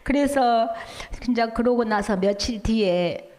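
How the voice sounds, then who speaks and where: High-voiced woman telling a church testimony. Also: slow, big-room sound. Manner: animated, acts out the quoted dialogue. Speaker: church deaconess giving testimony.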